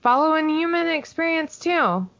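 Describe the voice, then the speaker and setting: A woman's voice: high-pitched, expressive, moderate pace, a bit bright, no room sound. A woman co-hosting a podcast, upbeat and agreeable in casual chat. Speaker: podcast co-host.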